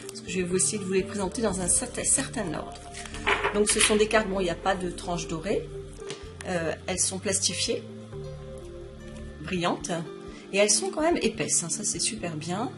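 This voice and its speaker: A woman talks through a card deck review in a relaxed, chatty vlog style, explaining each item as she shows it. Her voice sits at an ordinary middle pitch. Clear music plays behind her the whole time. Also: normal speed, pauses often. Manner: chatty, explanatory, showing items to camera. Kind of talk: casual product review vlog.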